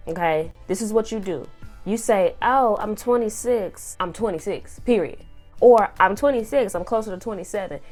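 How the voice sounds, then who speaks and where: A young woman from Kansas City, USA hosts a faith-based advice vlog, talking casually in a medium-pitched, darkish voice. She's playful and sassy as she preaches straight to her younger self.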